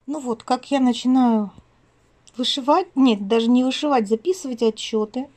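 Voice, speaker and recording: A craft vlogger hosting her channel chats casually indoors at home, rambling and affectionately interrupting herself. Her voice is a little high, and she speaks at a moderate pace.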